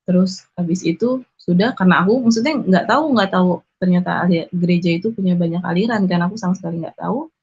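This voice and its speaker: Woman, 20s; emotional first-person testimony, breathy tone, dull recording. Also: fairly low pitch, quick pace, darkish tone. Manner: earnest, emotional retelling with quoted dialogue. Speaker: convert giving testimony. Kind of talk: personal testimony, casual storytelling.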